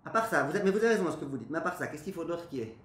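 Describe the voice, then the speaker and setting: A man, a rabbi, giving a lively spoken lesson to a class, often asking his listeners questions and then answering them himself. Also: on the high side, very fast. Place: classroom with a live audience. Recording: echoey room, faint background noise.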